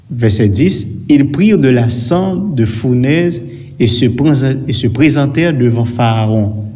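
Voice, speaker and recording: A man with a Haitian accent teaching a Bible study, reading scripture aloud and repeating key phrases deliberately. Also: medium pitch, mellow.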